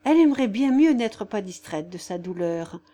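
A woman reading a novel aloud voices a gentle, remorseful young nobleman who speaks in a measured, formal way. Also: mid-range voice, animated, lightly acted. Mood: tender. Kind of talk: audiobook character voice.

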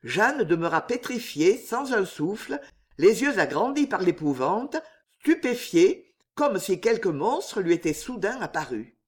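A woman's voice: medium pitch, big pitch swings, unhurried, a little mellow. A woman narrating a historical novel aloud in a theatrical, heavily inflected manner. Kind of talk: dramatic audiobook narration.

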